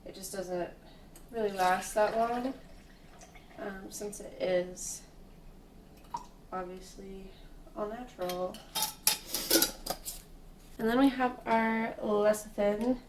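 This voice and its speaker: A woman in her late twenties chats to the camera in a casual home vlog. She talks slowly and easily, at a middling pitch, with fillers and small laughs. She sounds like she is recorded on a camera mic in her kitchen. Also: fairly even intonation, background noise. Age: 20s. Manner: chatty and unhurried, with fillers and little laughs. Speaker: vlogger.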